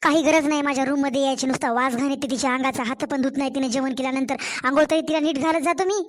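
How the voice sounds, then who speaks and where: A woman voicing a harsh, impatient young stepmother in an animated storybook, speaking with a Marathwada Marathi accent in a sharp, scolding way. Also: sits high, very fast, natural voice. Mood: irritated.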